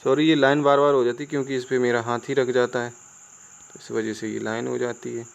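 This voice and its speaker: An Indian man teaching English spelling in Hindi. He talks casually, spells words out letter by letter and keeps asking the viewers whether it is clear. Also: mid-range voice, flat delivery, a little fast, lo-fi sound. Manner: chatty, asks the viewers "clear?" often. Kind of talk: casual Hindi classroom explanation.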